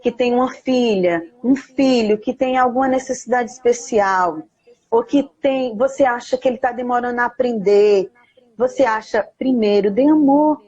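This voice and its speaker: Husky, slightly high woman, earnest live-call guest, muffled lo-fi stream audio. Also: a little mellow. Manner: earnest, encouraging, quotes scripture slowly. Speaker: invited guest speaker. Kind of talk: casual live chat with teaching tips. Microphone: phone or laptop on a live video call.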